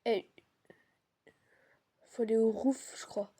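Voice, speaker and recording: Bright, slightly husky woman game streamer. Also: fairly high pitch, steady tone, slow. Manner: slangy, chatty, reacting to the game as it happens. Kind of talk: casual co-op horror game commentary.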